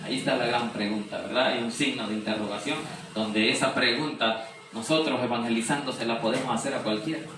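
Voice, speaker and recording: A pastor speaks fairly quickly in a mid-range voice with fairly even intonation, preaching on scripture by reading verses and asking rhetorical questions. The mic is distant in a very echoey room, with faint noise present.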